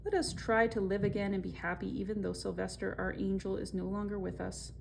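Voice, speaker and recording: A woman voicing a gentle, earnest father donkey in a storybook who grieves yet tries to be cheerful. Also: mid-range voice, level tone, a little fast, vocal fry, background noise. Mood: tender sorrow.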